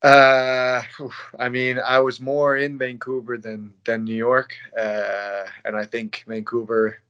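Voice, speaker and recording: The muffled recording captures a man from Denmark, late twenties, speaking slowly with a clean tone, medium pitch and little variation in pitch. A professional ice hockey player, he responds to interview questions in a casual, low-key way without raising his voice.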